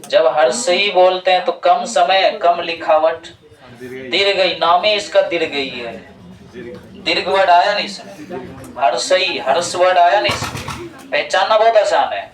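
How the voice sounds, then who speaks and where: Guy teaching a class, goes real slow and repeats stuff, kinda high voice, echoey room far from the mic. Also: a bit bright. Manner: slow, repetitive explaining, quizzing students. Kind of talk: classroom grammar lesson. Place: classroom with students.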